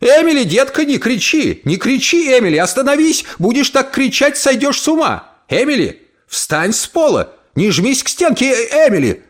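A man voices a sharp-tongued old woman from a storybook, pitching far above his own speaking voice into a high, shrill scold that leaps up and down. The full character voice is sing-song, unhurried, and creaky, with an alarmed mood.

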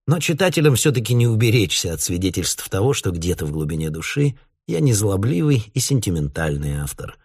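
A man, the author, reading his own story aloud in a measured, literary manner. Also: fairly low pitch, sing-song, darkish tone, breathy edge. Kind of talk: audiobook narration.

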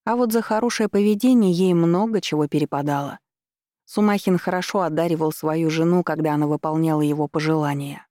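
A woman reads a novel aloud in an even, measured way. Her voice sits low and mellow. The recording is dry and close, with no room sound. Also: no echo. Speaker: audiobook narrator. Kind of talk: scripted narration.

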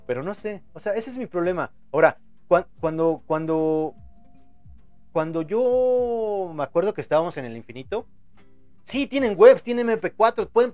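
Rambling high-voiced Mexican man. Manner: rambling, crude slang, frequent repeated words and restarts. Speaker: podcast host. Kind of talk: casual live podcast chat.

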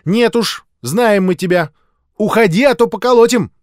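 A man voicing an excited, bossy little girl who commands the other children, in a storybook reading. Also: normal speed, dry recording, studio quality. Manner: shrill, commanding, breathless.

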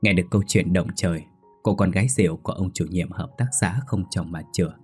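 A man narrating a scripted ghost story in a steady, somber way. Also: low-pitched, fast talker, husky. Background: faint music.

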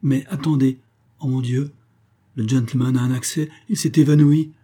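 A man's voice: mid-range voice, steady tone, dark tone, husky, pitched above the performer's own voice, lightly acted. A man putting on an eager little foundling boy. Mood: excited. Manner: quick, chattering, eager.

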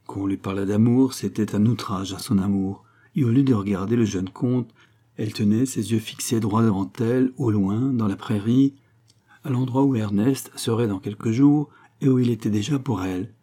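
A man reading a classic novel aloud as an audiobook narrator, in a measured, steady way. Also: fairly low pitch.

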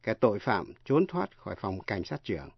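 A man teaching English pronunciation in a radio lesson, spelling words out letter by letter with slow, careful delivery. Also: fairly low pitch, very animated, vocal fry, breathy edge, no room sound, muffled recording.

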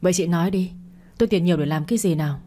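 A woman's voice: on the low side, very fast, warm tone, natural voice. A woman voicing a stern lonely widower. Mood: indignant. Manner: firm, pressing each word. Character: stern widowed older man, proud and lonely.

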